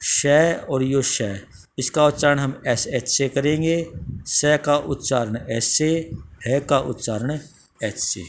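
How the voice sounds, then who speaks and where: A man's voice: medium pitch, fairly even intonation, slow. A man teaching a language lesson, reciting letter sound rules one by one in a methodical way.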